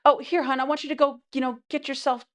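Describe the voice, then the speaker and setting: A woman's voice: high-pitched, little pitch movement, fast, fairly bright tone, voice pushed up. A woman voicing a generous, old-fashioned man who treats his girlfriend, in a firm, offhand way.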